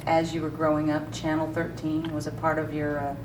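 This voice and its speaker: A woman's voice: sits low, monotone, a little fast. A woman hosting a live public television broadcast, interviewing a guest in a polished, promotional way. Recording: distant mic with noticeable noise.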